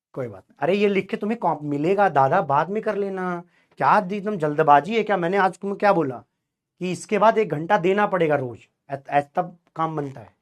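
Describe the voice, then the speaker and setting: A male chemistry teacher lecturing a class, drilling students with call-and-response questions in a colloquial, teasing way. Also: high voice.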